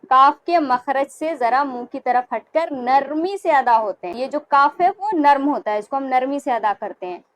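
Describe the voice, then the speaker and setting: Woman teacher doing a quran reading lesson, high voice, patient, keeps repeating and checking, slows right down to show sounds. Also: expressive, low-quality recording. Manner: slows to demonstrate sounds, then speeds up. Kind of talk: recorded lesson on Arabic letter pronunciation.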